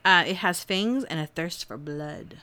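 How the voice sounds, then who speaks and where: A woman's voice: on the low side, unhurried, pushed and bright. A woman co-hosting a casual podcast, chatting and laughing as she reads her notes aloud. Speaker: podcast co-host. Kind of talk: casual chat.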